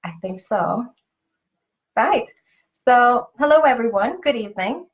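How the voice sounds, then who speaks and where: A woman with a fairly high, expressive voice speaks at a measured pace about her family's pet supplement business, addressing the camera. She is a native Hungarian speaker with a Hungarian accent whose earnest, conversational style features repeated words as she searches for them. The sound is lo-fi.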